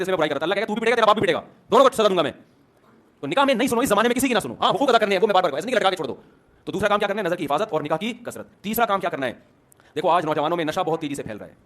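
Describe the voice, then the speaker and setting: A man preaching a sermon to young men, lively and asking the crowd questions that he then answers himself. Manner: acts out short quoted dialogues in a lowered voice. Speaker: Islamic preacher.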